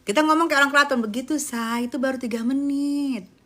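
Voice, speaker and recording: Live-stream host, woman, bright higher voice, chatty and laughing. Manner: chatty, laughing, quick swings between loud and hushed. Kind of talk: casual live-stream chat.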